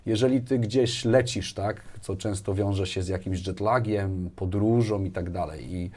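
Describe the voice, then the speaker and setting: Speaking unhurriedly in a fairly low, slightly mellow voice, a man of about forty rambles through conversational answers as an interview guest. He's a corporate manager who repeats words and ends phrases with small questions. The setting is a small furnished studio indoors, picked up by a lapel mic.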